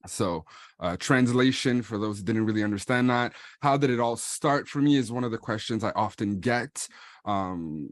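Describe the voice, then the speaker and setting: A fairly low-pitched man in his thirties, originally from Paris but raised in Ottawa, introduces himself and his music in a casual bilingual vlog. His Franco-Ontarian French accent comes through as he alternates French and English with easy fillers, recorded at studio quality with no room sound.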